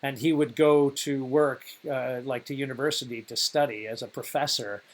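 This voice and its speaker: A man's voice: medium pitch, fairly even intonation, moderate pace. A man co-hosting a casual podcast, rambling through stories, swearing and laughing often. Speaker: podcast co-host.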